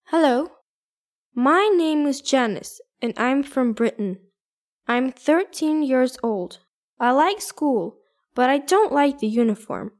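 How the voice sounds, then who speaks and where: A cheerful thirteen-year-old schoolgirl , played by a woman, introduces herself in a high, clear voice. Her delivery is careful and even, like a coursebook listening recording. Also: slow pace. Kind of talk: scripted textbook dialogue.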